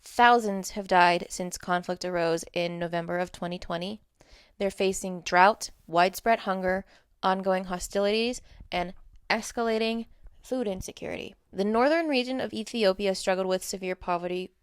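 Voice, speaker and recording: A woman content creator from the U.S. with a standard American accent reads notes for an informal advocacy vlog, being blunt, emphatic, and casually profane with candid asides. She speaks in a steady, clean, mid-range voice at a moderate pace, recorded dry with clean studio sound.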